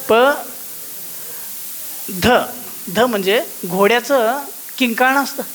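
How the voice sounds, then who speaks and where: A man's voice: extremely high pitch, a bit bright, a little hiss or hum, low-quality recording. A man with a thin voice teaching a devotional course, often asking his listeners whether they follow and singing out the musical notes as he explains them.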